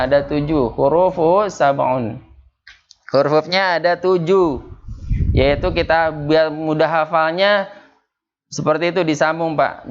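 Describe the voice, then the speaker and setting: A man's voice: on the high side, highs cut off. A man teaching Quran recitation rules at a home study circle, patiently drilling Arabic letters and quizzing his students.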